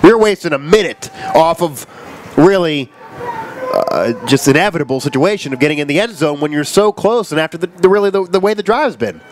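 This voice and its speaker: A man's voice: fairly high pitch, expressive, fairly quick, slight background noise. A man giving rambling, opinionated color commentary on a football game. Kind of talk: sports commentary.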